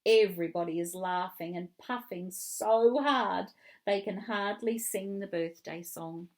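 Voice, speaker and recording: A woman reading a children's book aloud with clear, expressive storytelling. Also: medium pitch, unhurried. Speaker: reader.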